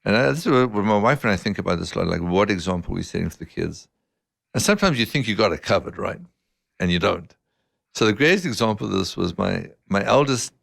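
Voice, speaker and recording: A middle-aged man sits in for a casual podcast chat as the guest. His voice is low and gravelly, recorded close and dry. He tells stories at an easy pace and likes to poke fun at himself. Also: dry recording. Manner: relaxed anecdotal storyteller, self-mocking, laughs often. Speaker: guest, eye surgeon. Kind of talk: casual podcast interview storytelling.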